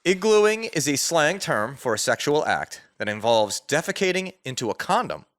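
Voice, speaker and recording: A man's voice: fairly high pitch, big pitch swings, moderate pace, fairly bright tone. A man working as a podcast producer, chipping in with matter-of-fact explanations and corrections in casual chat.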